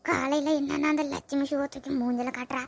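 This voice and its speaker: A woman playing a sharp-tongued, nagging mother-in-law in a comedy sketch, scolding her son's wife. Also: sits high, little pitch movement, quick pace. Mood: disgusted.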